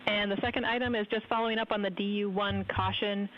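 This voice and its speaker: A mission control capsule communicator giving calm, procedural updates over a muffled, crackly space radio loop. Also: medium pitch, fast talker. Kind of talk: space-to-ground radio calls. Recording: dull lo-fi radio with faint hiss.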